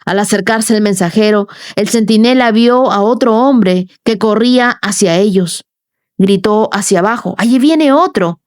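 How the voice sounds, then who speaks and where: A woman giving a measured, scripted Bible reading and devotional commentary. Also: mid-range voice, fairly even intonation, darkish tone, smooth, no room sound, clean studio sound. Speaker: devotional reader.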